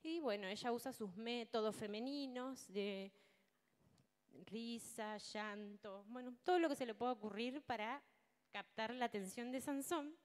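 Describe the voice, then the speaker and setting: A woman's voice: fairly high pitch, a little slow, clear, resonant tone, big-room sound. A woman with an Argentine accent preaching a sermon in a church, telling a story and often asking her listeners rhetorical questions. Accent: Argentine Spanish.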